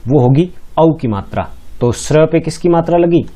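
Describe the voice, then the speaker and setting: A man's voice: on the high side, animated, normal speed, mellow. A man teaching grammar for an exam-prep lesson, explaining step by step and quizzing his students with questions.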